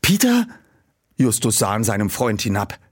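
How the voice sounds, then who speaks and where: A man narrating an audiobook with lively, tense storytelling in a husky voice. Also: medium pitch, moderate pace.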